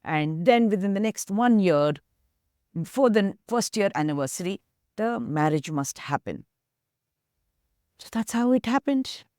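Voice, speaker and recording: A woman's voice: mid-range voice, expressive, a little slow, long pauses, a little mellow, clear, resonant tone, dry recording, clean studio sound. A woman with an Indian English accent, an activist guest earnestly retelling a story in an interview and voicing its dialogue.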